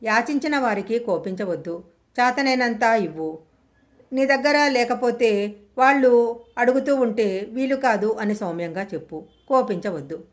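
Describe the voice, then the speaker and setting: A woman voicing an elderly male saint who teaches calmly and patiently, in a gentle, measured way. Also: a little high, lightly acted. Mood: gentle teaching.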